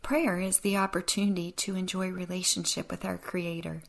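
A woman's voice: on the low side, little pitch movement, normal speed, vocal fry. A woman hosting a devotional podcast, teaching in an earnest, reflective way with a touch of dry sarcasm. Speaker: podcast host.

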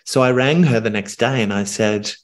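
With a mid-range voice, the middle-aged coach continues the podcast coaching conversation in an earnest, calm manner. His phrasing is reflective, with frequent pauses.

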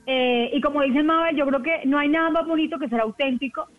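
A woman with a softened Colombian coastal accent chats quickly and easily as a guest on a radio show. Her voice comes through a tinny phone line with no room sound around it. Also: high voice, dry recording, soft background music. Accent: Colombian coastal Spanish, softened. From Colombian Caribbean coast. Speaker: TV news presenter, guest. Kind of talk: casual radio chat.

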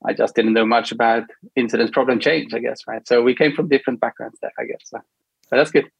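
Easygoing and hesitant, a middle-aged Swedish man talks casually as an interview guest, a product manager whose somewhat husky voice is medium in pitch. He often pauses on ums and tosses in quick check-in tag questions, in a dry recording free of echo.

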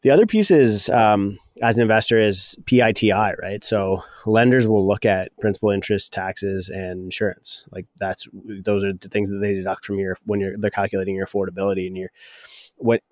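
A man's voice: on the low side, steady tone, fairly quick, a little mellow, dry recording, studio quality. A Canadian man co-hosting a podcast, explaining in a rambling, casual way and often interrupting himself. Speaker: podcast co-host, real estate broker.

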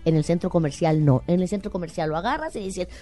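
A Mexican woman with a slightly low voice gives parenting advice in an emphatic, preachy way, throwing rhetorical questions at the listener. Soft music plays faintly underneath. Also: expressive, quick pace. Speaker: author and guest.

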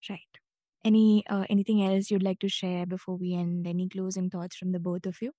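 Mellow woman podcast host, dry sound. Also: lowish voice, little pitch movement, brisk, no room sound. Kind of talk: conversational interview.

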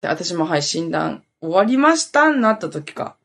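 Husky-voiced woman chatting animatedly. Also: fairly low pitch, very animated, moderate pace, a bit bright. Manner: rambling anecdotal storytelling with many fillers. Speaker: podcast host. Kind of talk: casual chat.

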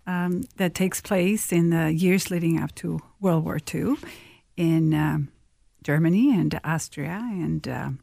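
A woman's voice: on the low side, gravelly, a little mellow, no echo, clean studio sound. A woman author answering interview questions in an articulate, earnest way. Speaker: novelist guest.

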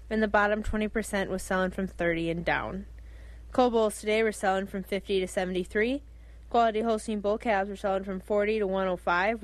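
A woman's voice: medium pitch, dry recording. A woman reading a farm radio livestock market report in a matter-of-fact manner.

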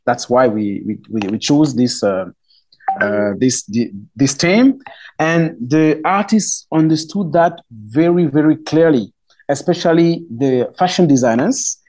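A middle-aged Cameroonian festival spokesman, whose first language is Romala, speaks English with a Cameroonian accent in a radio interview. His voice is on the high side and darkish in tone, and he talks haltingly with many fillers and restarts on a low-quality recording.

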